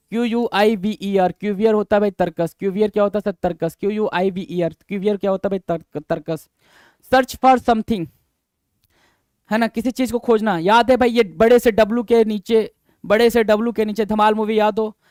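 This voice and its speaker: Casual lesson voice, guy, keeps repeating and quizzing, reads english lines slow, very dry recording. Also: high-pitched, a little mellow, clean tone, no echo. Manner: repetitive, addresses viewers as "bhai", quizzing questions; reads English definitions slowly, then explains. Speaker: exam vocabulary teacher. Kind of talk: lecture-style teaching.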